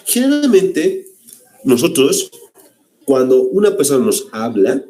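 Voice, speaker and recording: A man's voice: medium pitch, wildly swooping pitch, slow, mellow. A man teaching a language class to students, lecturing with frequent "very good" check-ins and direct address to the class. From Bolivia. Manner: repeats "muy bien" often, addresses students as "señores".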